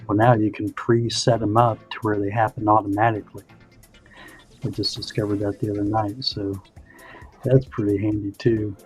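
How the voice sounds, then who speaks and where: A man's voice: on the low side, flat delivery, moderate pace, slightly rough, soft background music. A man hosting a livestream, chatting casually and explaining things in a rambling way with lots of "you know". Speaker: livestream host. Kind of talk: casual chat.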